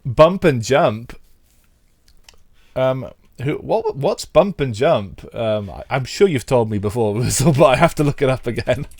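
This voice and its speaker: A man with a stuffy head cold, voice mid-range and creaky, chats and rambles to his live viewers while playing an old racing game. His intonation is lively though he talks a little slowly. There's no echo.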